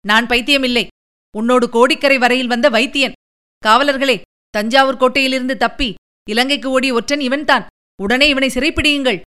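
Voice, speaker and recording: A woman voicing a frantic young man, a physician's son, who keeps shouting accusations in an audiobook story. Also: sits high, steady tone, moderate pace, smooth. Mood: scornful.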